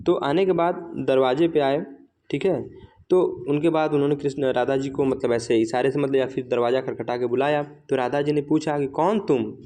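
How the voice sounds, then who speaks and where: In a mid-range, steady, dark voice, a male teacher races through an exam revision lecture. He asks questions and answers them himself, often checking with "right?". He eases his pace to recite example lines.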